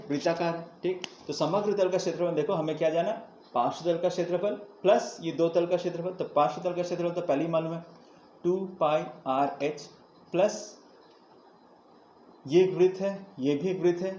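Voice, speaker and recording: A male teacher with a somewhat high voice works through a math lesson step by step, putting questions to his students and answering them himself. He sounds recorded from a distance in an echoey room. The sound is dull and lo-fi with a faint hiss behind it. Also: darkish tone. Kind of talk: classroom math lesson at a board.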